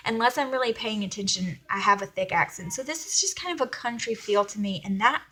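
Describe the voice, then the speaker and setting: A woman's voice: medium pitch, expressive, brisk, bright, forceful tone, breathy edge. A woman from Alabama with a Southern US accent, chatting casually and in a rambling, self-effacing way as she hosts a planner video. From Alabama, United States. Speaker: vlogger.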